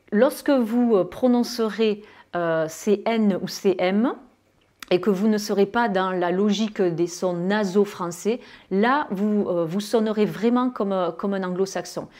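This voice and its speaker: Speaking with a darkish, mid-range voice and a southern French accent, a woman guides French learners through English pronunciation. The lesson is full of fillers and pauses, and she lingers on each English example word.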